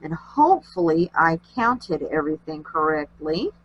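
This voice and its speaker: A woman's voice: sits low, very animated, moderate pace, muffled recording, slight background noise. A woman with a nasal, allergy-congested voice hosting a craft tutorial, chatting in a homey way as she works. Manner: chatty, homey, talks while working. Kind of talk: casual craft tutorial narration.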